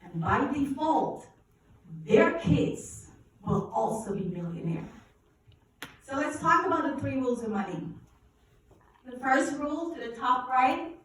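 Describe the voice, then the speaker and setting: Woman, high-pitched voice, energetic seminar talk, echoey hall from far off. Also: unhurried, long pauses, slight background noise. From Guyana. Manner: energetic, asks the audience questions, preacherly. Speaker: finance educator speaking at a church event. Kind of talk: live seminar talk with audience call-and-response. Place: large echoey church hall.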